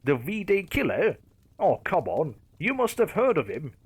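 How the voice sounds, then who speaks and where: A man's voice: on the high side, wildly swooping pitch, unhurried, husky, dry recording, heavily acted. A man voicing a blunt, teasing young woman on a diner date in a creepypasta narration.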